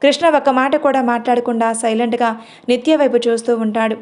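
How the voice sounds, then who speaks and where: A woman narrating a serialized drama story in a steady reading voice. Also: on the high side, quick pace.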